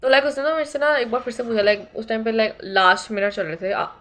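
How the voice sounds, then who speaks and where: Young woman vlogger, high bright voice, lively casual storytelling. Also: quick pace. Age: young adult. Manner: animated, mixes Hindi and English.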